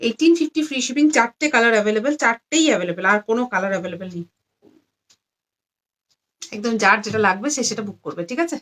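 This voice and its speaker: A tired, low-energy woman selling saris on a live stream, repeating every price again and again. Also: animated, fast, pauses often, a bit bright. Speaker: online saree seller. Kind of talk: live-stream sales pitch. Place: indoors among stacks of saris.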